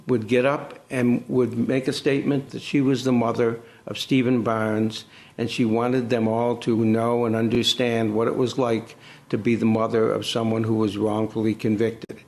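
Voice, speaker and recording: Brief: male documentary interviewee, calm reflective recounting, mid-range voice. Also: medium pitch, normal speed, vocal fry, poor audio.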